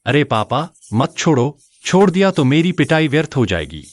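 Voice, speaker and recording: A man's voice: fairly high pitch, big pitch swings, normal speed, no room sound. A man voicing an indignant young adult son in a dubbed short drama, plaintive and complaining.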